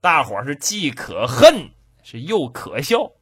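Guy doing old-school comic storytelling, husky, really animated and dramatic. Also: a little high, a little slow. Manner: lively, dramatic, rhythmic.

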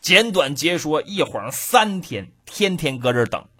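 A woman telling a folk tale in a punchy, colloquial storytelling manner, with a husky voice. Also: sits low, very animated, a little slow, fairly bright tone. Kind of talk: traditional oral storytelling.

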